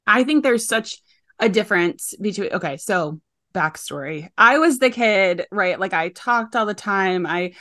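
A woman's voice: medium pitch, expressive, measured pace, pushed and bright. A woman podcast host in casual chat, telling a personal story in a chatty way with frequent fillers.

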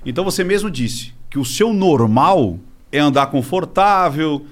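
Male expert guest, slightly raised pitch, conversational explainer who checks he is being understood. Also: lively intonation, unhurried. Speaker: interview guest, body language specialist.

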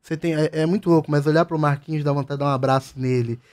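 A man's voice: fairly high pitch, steady tone, fast, a little mellow. A man hosting a casual podcast interview, prodding his guest with eager questions. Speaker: podcast host.

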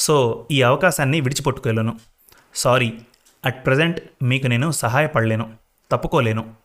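A man voicing a calm, self-assured young male job candidate who speaks casually and easily. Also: medium pitch, moderate pace, natural voice. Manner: easygoing, casual with English words.

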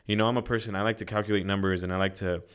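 A man's voice: lowish voice, steady tone, rapid-fire, smooth. A man in casual podcast chat, emphatic and full of "like", with some swearing. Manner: emphatic, frequent filler "like", occasional swearing. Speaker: podcast co-host.

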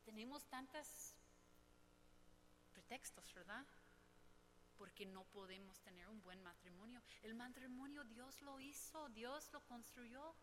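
A woman's voice: on the high side, measured pace, long reverb tail, noisy background. A woman preaching to women, telling personal stories with humor and acting out what people said. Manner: personal, humorous storytelling with quoted voices. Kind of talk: sermon.

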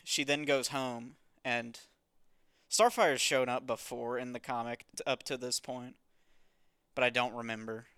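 A man's voice: medium pitch, steady tone, measured pace, fairly bright tone, clear, resonant tone, no room sound, studio quality. Wry man recapping a comic. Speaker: podcast host. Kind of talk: casual chat recapping a comic.

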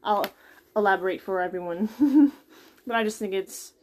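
A woman in her twenties co-hosting a podcast, reading a novel aloud and breaking off to chat casually, giggly and quick to interrupt herself. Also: medium pitch, a little mellow, slight background noise. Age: 20s. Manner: chatty, giggly, self-interrupting. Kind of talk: casual book-club chat and read-aloud.

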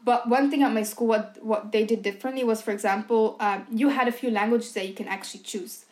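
Slightly high and a touch mellow, her voice keeps fairly even intonation at a fairly quick pace. She's a young adult Dutch speaker from Belgium, co-hosting a casual podcast and peppering her chatter with "like" and "um."

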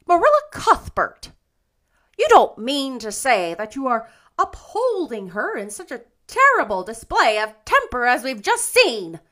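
A woman reader puts on an opinionated older village lady in a storybook, blunt and easily scandalized. The voice is high and sharp, with emphatic swoops on every judgment. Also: very animated, measured pace, exaggerated voice.

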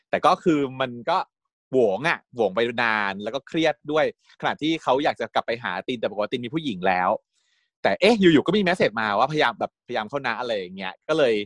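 A man chats casually, retelling scenes as an excited fan. He speaks at a middling pitch, animated and gushing. The recording is dry, with no room echo. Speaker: fan recapping a series. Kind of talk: casual chat.

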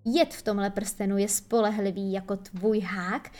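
A woman voicing a smug, cruel male pirate captain in an audiobook fairy tale, who gloats slowly to himself. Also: medium pitch, fairly even intonation, darkish tone, faint music behind, voice pushed down, natural voice. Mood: gloating. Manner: slow, gloating self-talk.

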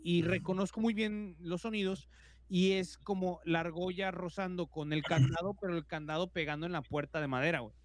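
A man's voice: sits high, steady tone, fairly quick. A man with a Mexican accent, co-hosting a podcast and telling a horror story casually, filling nearly every phrase with slang and acting out sound effects. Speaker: podcast co-host.

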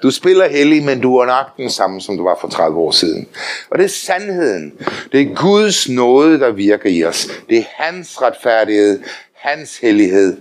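An older man preaching a sermon, telling lively anecdotes, often laughing and calling on listeners to say amen. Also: medium pitch. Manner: animated storytelling, often laughing, calls for amens.

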